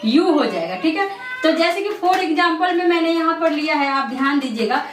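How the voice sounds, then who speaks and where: A high-voiced woman gives an English pronunciation lesson. She asks a question, then answers it herself over and over. She sounds a bit far from the mic, in a roomy echo. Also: lively intonation, moderate pace, slight background noise. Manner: repeats questions and answers them herself, lots of "theek hai". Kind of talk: classroom-style lesson explanation. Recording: echoey room, voice from a distance.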